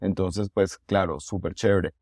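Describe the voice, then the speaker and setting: A man's voice: deep voice, steady tone, unhurried, a little mellow, no echo, studio quality. A man hosting a podcast interview as an English coach, talking in a conversational and enthusiastic way and often repeating a word before going on. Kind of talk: casual interview.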